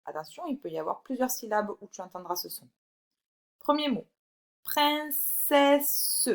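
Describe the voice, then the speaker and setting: A woman teaching a recorded phonics lesson to young children, reading words slowly and clearly and encouraging the child directly. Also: mid-range voice, big pitch swings. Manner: slow, clear, drawn-out word by word reading. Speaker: primary school teacher.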